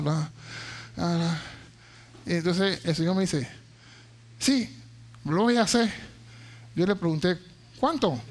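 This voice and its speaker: A male pastor preaching a sermon, telling a personal story that climbs into shouted praise. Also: high voice. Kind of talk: sermon with testimony.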